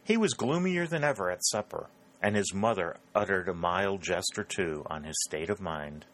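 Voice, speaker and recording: Very deep-voiced male audiobook narrator. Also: expressive, normal speed, fairly bright tone. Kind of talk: scripted narration.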